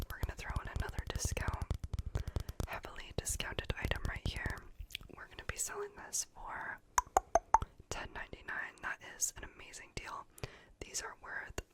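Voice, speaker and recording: A person doing a whispered role-play of a pushy, gushing home shopping TV seller with persuasive sales patter. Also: lightly acted.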